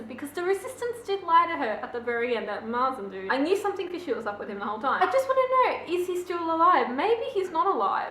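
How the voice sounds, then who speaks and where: Young woman book vlogger, animated and opinionated, bright voice, echoey room. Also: high voice, a little hiss or hum. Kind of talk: casual book review chat.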